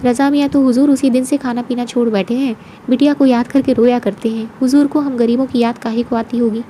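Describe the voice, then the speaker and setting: A woman voicing a flattering, talkative male servant who bows and scrapes to his mistress. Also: on the high side, fairly quick, slight background noise, natural voice. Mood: fawning. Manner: obsequious, keeps addressing his mistress as huzoor.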